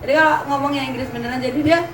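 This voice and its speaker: Female religious teacher, middle-aged, Javanese accent, folksy storyteller; far-off mic in an echoey pavilion with steady ambient noise. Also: high-pitched, very fast. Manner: anecdotal, chatty, mixes in Javanese words. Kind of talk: religious study talk to mothers. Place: open pavilion hall. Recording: roomy echo, distant mic, ambient noise.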